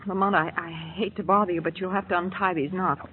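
A woman's voice: fairly low pitch, fairly even intonation, quick pace, breathy edge. A woman playing a shaken young female companion of a crime-fighter in an old radio drama. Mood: shaken relief. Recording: very noisy narrow old radio recording.

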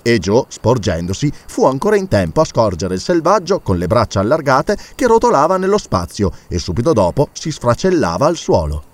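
A man reading a classic adventure novel aloud as an audiobook, with an expressive, dramatic delivery. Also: mid-range voice, normal speed, hardly any pauses. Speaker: audiobook narrator. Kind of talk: audiobook narration.

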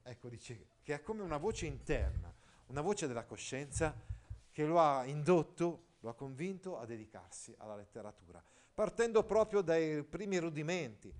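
A man's voice: on the high side, expressive, moderate pace. Middle-aged male teacher, reads out a text and explains it, asks the class questions. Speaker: literature teacher. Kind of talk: literature lesson, reading and explaining a text.

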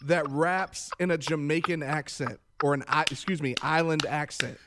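A man co-hosting a podcast, earnest and quick in casual banter. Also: fairly high pitch, fairly even intonation, noisy background. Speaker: podcast co-host.

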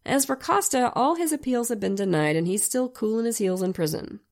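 A hoarse woman with a gravelly, croaky voice, telling true crime stories conversationally as a podcast host, in a wry, emphatic way. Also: on the high side, lively intonation, a little fast, darkish tone. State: hoarse from a sinus infection.

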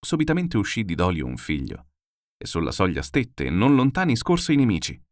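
A man reading classical epic verse aloud in a steady, declamatory way. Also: on the low side, a little fast, no echo, studio quality. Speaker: narrator.

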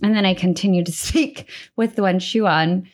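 A woman's voice: on the low side, normal speed. A woman speaker and guest in a casual chat, frank and loose, with salty asides.

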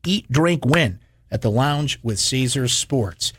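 A man's voice: medium pitch, animated, takes it slowly, a bit bright, no echo, clean studio sound. A man hosting sports talk radio, speaking emphatically and playfully, repeating phrases for effect. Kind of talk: animated sports radio monologue.

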